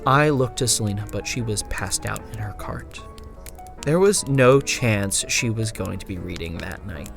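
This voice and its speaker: Here the man's fairly low voice carries lively intonation and vocal fry as he narrates, in first person, the horror tale of a woman gunslinger on the frontier haunted by lost memories. The delivery stays hushed and deliberate, with drawn-out phrases, swelling emphasis and a wistful, measured feel, over a music bed.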